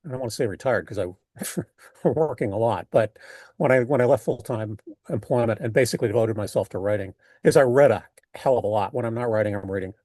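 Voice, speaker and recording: Older male interviewee, American accent, mellow tone, dry close sound, thoughtful and halting delivery. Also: on the low side, no room sound. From United States. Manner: halting, thoughtful, rephrases mid-sentence. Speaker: poet being interviewed. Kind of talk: reflective interview talk.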